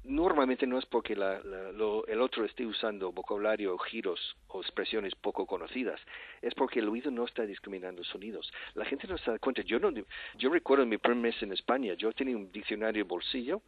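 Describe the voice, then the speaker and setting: A man from Texas in his sixties, a native English speaker with an American accent in Spanish, talking in a radio interview in an animated, rambling way, often restarting his sentences. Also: lowish voice, a little fast, breathy edge, no room sound. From Texas, USA. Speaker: guest, English-teaching entrepreneur. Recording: tinny phone-line audio.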